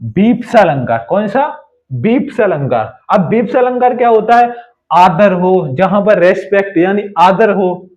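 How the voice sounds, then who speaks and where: Man teaching a class, kinda high voice, keeps repeating stuff and quizzing students, muffled lo-fi audio. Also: animated, darkish tone. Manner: explains slowly, repeating terms and asking the class "क्या?". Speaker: Hindi teacher. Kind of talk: online class lecture.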